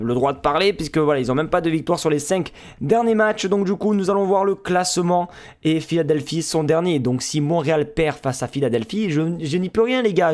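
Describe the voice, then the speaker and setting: French-accented male vlogger, slightly high voice, joking and chatty football preview host, faint music bed. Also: a little mellow. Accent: French (France). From France. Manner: jokey, chatty, addresses viewers as friends. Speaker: football fan YouTuber and Twitch streamer. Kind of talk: casual pre-match football analysis vlog.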